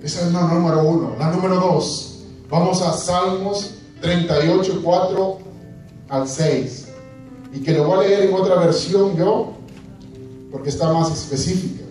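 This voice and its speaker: A man's voice: sits high, a little slow, a little mellow, soft background music. A man preaching a sermon to a congregation, asking questions and acting out scripture scenes. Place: church hall. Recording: echoey church hall from far off.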